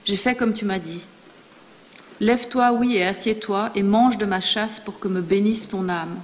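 A woman reading aloud the words of an anxious younger son, in a measured, solemn way. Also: medium pitch, natural voice. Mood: worried. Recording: long reverb in a large hall.

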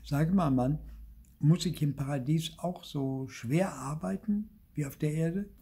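An older man voicing a poor, nagging peasant wife who keeps pestering with curious questions, in a husky voice. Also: a little high, unhurried, warm tone, voice pushed up, heavily acted. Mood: pleading.

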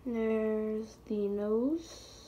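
Slow, hesitant woman unboxing a model. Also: fairly high pitch, fairly even intonation, warm tone, a little hiss or hum. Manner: hesitant, many ums and pauses. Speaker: scale model reviewer. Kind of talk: casual unboxing review. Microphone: phone camera.

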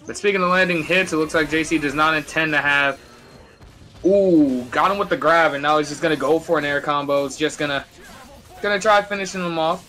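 A man's voice: a little high, bright, forceful tone. A man giving casual live play-by-play commentary on a fighting game. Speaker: esports match commentator.

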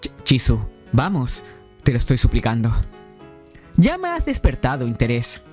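A man's voice: medium pitch, huge pitch swings, moderate pace, faint music behind. A young man voicing a blunt, teasing male character in a visual novel. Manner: dry, teasing.

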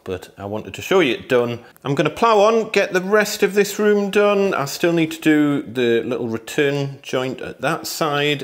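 A man in his thirties talks through his renovation work in a relaxed, chatty way, thinking aloud and correcting himself as he goes. His voice sits at an ordinary middle pitch, recorded indoors in a bare room by a camera set across the room. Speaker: handyman. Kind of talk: DIY tutorial walk and talk.

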